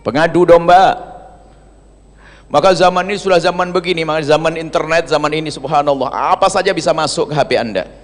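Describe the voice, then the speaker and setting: With a long reverb that suggests a hall, a male preacher gives a fairly quick religious sermon. His somewhat high voice is spirited and emphatic, swinging from stressed, loud bursts to soft remarks.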